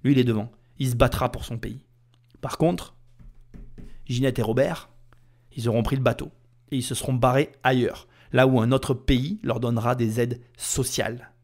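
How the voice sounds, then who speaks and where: A man's voice: mid-range voice, steady tone, normal speed, a little mellow. A man hosting a podcast, heated and indignant, talking straight to the listener. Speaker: podcast host. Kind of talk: ranting podcast commentary.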